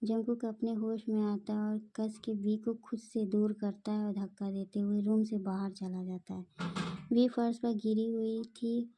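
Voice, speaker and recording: A woman reading a fan fiction love story aloud in a plain, steady manner. Her voice is very dark and mellow. Her pitch stays flat, with little movement. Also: measured pace.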